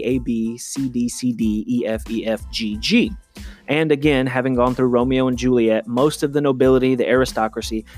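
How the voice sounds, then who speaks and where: A male high school English teacher giving a relaxed recorded review lecture, acting out quoted lines now and then. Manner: conversational, acts out quoted lines.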